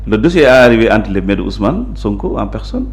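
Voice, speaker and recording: In an interview that switches between Wolof and French, a Senegalese man who is a local politician argues his views forcefully. His voice sits on the low side and is very animated, moving a little fast.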